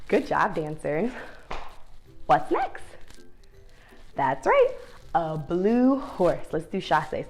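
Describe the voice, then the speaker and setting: A woman with a mid-range voice leads a story time ballet lesson for young children. She gives encouraging instructions and asks sing-song questions.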